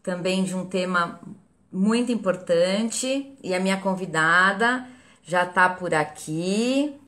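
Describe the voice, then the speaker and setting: A woman's voice: on the low side, slow pace, fairly bright tone. A woman hosting a casual live-stream chat, speaking to her audience and guest in a reassuring, encouraging way. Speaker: host.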